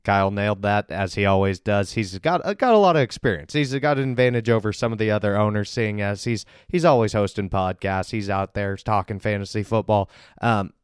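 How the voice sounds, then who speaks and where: A man's voice: on the low side, clear, resonant tone, no echo, clean studio sound. A man hosting a casual sports podcast, building hype with upbeat banter as he interviews league members. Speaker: podcast host and league commissioner.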